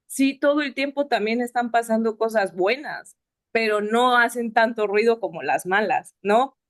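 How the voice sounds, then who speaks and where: A woman's voice: mid-range voice, no room sound, clean studio sound. A woman sharing a reflective personal testimony, often ending phrases with a questioning tag. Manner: reflective, with many filler "no?" tags. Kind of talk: personal testimony at a spiritist study group.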